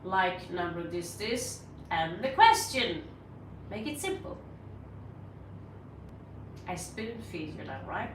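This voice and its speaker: Hosting a tarot livestream, a woman with a Norwegian accent chats casually and bluntly with viewers, tossing in sarcastic asides. Her fairly low voice is sing-song and slow, with long pauses. The mic is set back in an echoey room, so she sounds far away, with audible noise.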